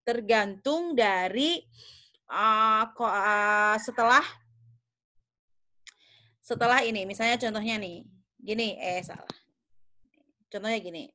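A woman's voice: medium pitch, slow pace, pauses often, sharp tone. A young woman teaching a class. She explains patiently, corrects herself aloud and keeps asking whether the students understand. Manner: patient, checks understanding often; thinks aloud with fillers and self-corrections. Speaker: English teacher.

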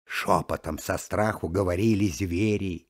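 A man reading a bedtime fairy tale aloud in a slow, animated storytelling manner. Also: low-pitched, heavy background noise.

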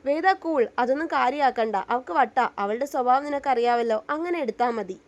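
A woman's voice: high voice, fairly quick, muffled recording. A woman voicing a protective young husband, firm with others and soothing with his wife, as she reads a story aloud. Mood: tender.

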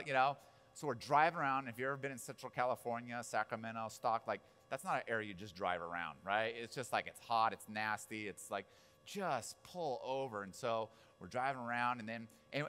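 A man's voice: mid-range voice, a bit bright. Male pastor, 40s, conversational sermon, tells stories and keeps checking in with the congregation. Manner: casual storytelling with asides and audience questions.

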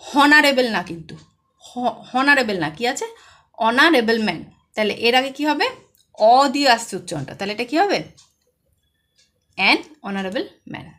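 A woman's voice: fairly high pitch, animated, moderate pace, long pauses, fairly bright tone. A woman with a West Bengal accent teaching an English lesson to young children, posing questions and answering them herself. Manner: asks pupils questions and answers them herself, stresses each word. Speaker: primary school English tutor.

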